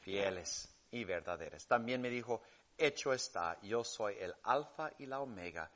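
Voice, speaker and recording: A man preaching a sermon with emphatic stresses that drop to hushed, soft passages. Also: animated, normal speed, highs cut off. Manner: emphatic preaching that swings between loud stresses and hushed lows.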